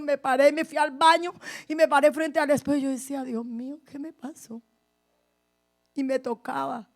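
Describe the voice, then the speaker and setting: Speaking straight to her listeners, a woman pastor gives her testimony within a sermon, alternating hushed passages with forceful ones. Her voice is high-pitched, with noticeable vocal fry.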